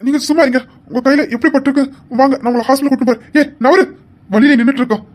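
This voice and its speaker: Brief: a loud, angry son, played by a woman, quick and commanding. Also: high-pitched, fairly even intonation, pitched below the performer's own voice, natural voice. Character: angry protective adult son, a man.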